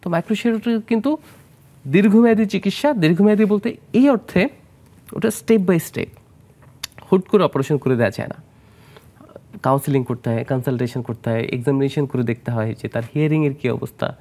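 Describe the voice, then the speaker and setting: A man's voice: fairly high pitch, normal speed, mellow. A plastic surgeon from Bangladesh, a man, explaining treatments as a guest in a studio health interview, mixing in English medical terms. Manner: explanatory, mixes English medical terms, asks host questions.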